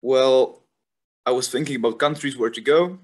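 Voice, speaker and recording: A man's voice: medium pitch, normal speed. A young man from the Republic, a university student talking casually and thoughtfully about his studies, with frequent fillers. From Czech Republic. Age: young adult. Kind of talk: casual informational talk.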